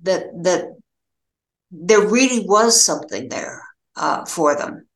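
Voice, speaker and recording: Speaking as a novelist in an interview, this older American woman reflects haltingly, stopping to think partway through phrases. Her voice sits on the low side and is very animated, with reverberant acoustics.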